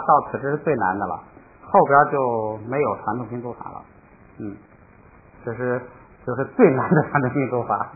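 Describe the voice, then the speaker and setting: Male teacher on a tinny line. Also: medium pitch. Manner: thinks aloud with many fillers, repeats words slowly for practice. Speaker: language teacher. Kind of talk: casual spoken lesson. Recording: tinny phone-like audio with faint hiss.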